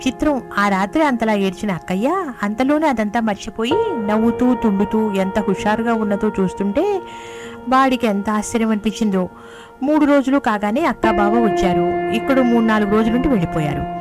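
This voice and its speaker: A woman's voice: on the high side, brisk. Woman reading a story over music. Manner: gentle, expressive reading with dialogue in character. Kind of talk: reading a story aloud, voicing the characters. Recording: music playing behind the voice.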